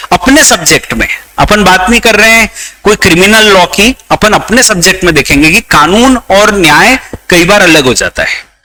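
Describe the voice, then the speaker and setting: A man's voice: high-pitched, pushed and bright, poor audio. A man with an Indian accent teaching a class, explaining law through examples and switching between Hindi and English. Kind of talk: classroom lecture.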